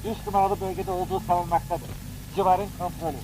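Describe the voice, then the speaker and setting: A stern police dispatcher barks an urgent bulletin over the police radio, his voice coming from a distance. The voice sits high for a man, with faint noise underneath. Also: little pitch movement, quick pace, a little mellow. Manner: urgent official announcement. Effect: police radio broadcast, heard from afar.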